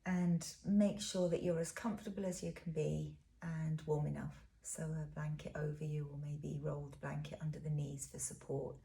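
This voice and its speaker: Her low voice moves slowly and soothingly as she walks listeners through a guided body scan. The delivery is flat, and each phrase closes on a soft, breathy note.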